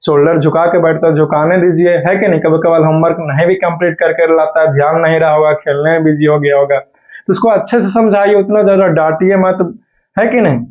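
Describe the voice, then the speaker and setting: A man teaching a school English class, often checking that students follow and dictating answers slowly. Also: fairly high pitch, steady tone. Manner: keeps checking in with students, slow word-by-word dictation. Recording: dull lo-fi recording.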